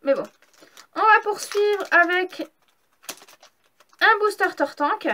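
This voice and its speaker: Bright high-voiced woman opening card packs. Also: slow. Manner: enthusiastic, gushing, exclaims over each card. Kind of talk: casual unboxing vlog.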